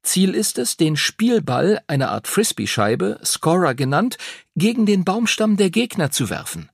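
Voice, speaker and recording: A man's voice: high-pitched, sing-song, a little slow, creaky, slightly rough, no room sound, clean studio sound, pitched above the performer's own voice, full character voice. A man voicing a know-it-all young boy pupil who explains things eagerly. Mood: explaining.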